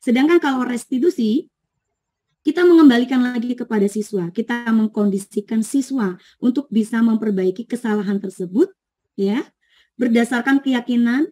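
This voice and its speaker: Female trainer, fairly high voice, mellow tone, patient explainer. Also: moderate pace. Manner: explains patiently, checks agreement, reads out participants' answers. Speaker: teacher training presenter. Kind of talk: online training session.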